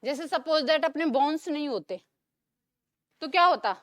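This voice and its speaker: A young woman with a high, light voice teaches a class, throwing out questions and answering them herself as she goes over each term again. Her voice sounds close and dry, with no room echo. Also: animated, normal speed. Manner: asks questions and answers them herself, repeats key terms. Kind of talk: classroom lecture.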